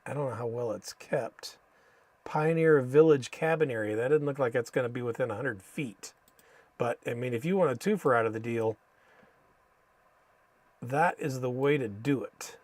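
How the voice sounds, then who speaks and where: A man's voice: mid-range voice, normal speed, long pauses, darkish tone, dry recording. American man thinking aloud, Spanish with American accent. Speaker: live stream host. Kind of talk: casual live stream commentary while reading maps.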